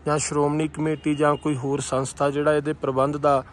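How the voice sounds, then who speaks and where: A man's voice: fairly high pitch, level tone, fairly quick. A man from Punjab narrating a travel vlog outdoors in the mountains, telling a temple story reverently and praising the scenery with enthusiasm. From Punjab, India. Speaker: travel vlogger.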